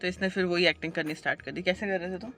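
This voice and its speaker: A woman from India vlogging in a casual, chatty way. She mixes English phrases into her Hindi and tries to keep her pace slow and calm. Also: lowish voice, faint music behind. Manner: tries to talk slowly and calmly. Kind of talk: casual vlog chat to camera.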